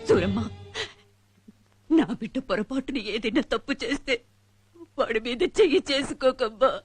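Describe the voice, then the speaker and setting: A woman's voice: sits high, expressive, normal speed, slightly rough, no room sound. A woman playing a poor mother, tearful and pleading, over film music. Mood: anguished. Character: destitute young mother selling her son. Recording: film soundtrack with loud music.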